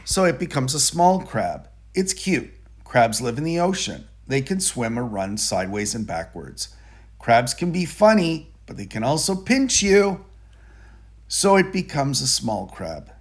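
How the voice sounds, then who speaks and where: Reading a children's picture book, a male storyteller takes a slow, deliberate, expressive approach. His voice is mid-range with a husky quality.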